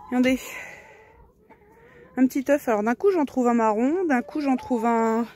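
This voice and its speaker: Woman, fairly high voice, casual vlog, cooing baby-talk to chickens, outdoors, faint background noise. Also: normal speed, warm tone. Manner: coos fondly and talks baby-talk to her birds. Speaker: backyard poultry keeper. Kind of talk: casual vlog chatter to her hens. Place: outdoors in a garden henhouse. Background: chickens and a rooster clucking.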